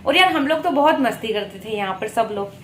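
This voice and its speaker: A young woman, vlogging in a casual, animated way at her workplace, coaxing and teasing a colleague. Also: on the high side, a little fast. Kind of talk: casual vlog chat. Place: workplace room among staff. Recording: echoey room, faint ambient noise.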